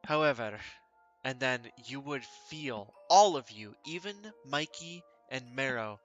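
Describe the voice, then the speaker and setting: A man narrating a tabletop game as game master, describing action in a loud, energetic way. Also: medium pitch, measured pace, soft background music.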